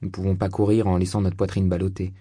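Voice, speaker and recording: Man doing a young hunchbacked woman locksmith, blunt, suspicious, deep and husky, dark tone. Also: little pitch movement, quick pace, dry recording, studio quality. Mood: prickly.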